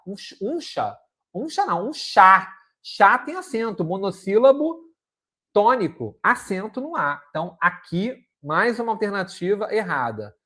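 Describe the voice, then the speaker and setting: A man's voice: sits high, fairly bright tone. A Brazilian man teaching a Portuguese exam-prep lesson, explaining answers step by step and asking the students rhetorical questions. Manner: didactic, checks in with frequent "ok?" and rhetorical questions.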